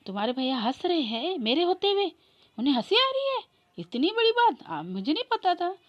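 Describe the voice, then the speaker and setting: A woman's voice: fairly low pitch, a little slow, dry recording, lo-fi sound. Woman playing a bossy, short-tempered sister-in-law. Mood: outraged. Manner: scolding and indignant. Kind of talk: comic family skit.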